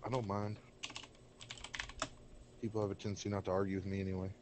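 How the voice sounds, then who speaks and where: A man's voice: low-pitched, level tone, fast talker, noisy background. A man chatting bluntly and rambling on a gaming stream, talking with a cigarette in his mouth. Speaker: game server co-host. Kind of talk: casual gaming stream chat. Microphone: desk microphone by keyboard.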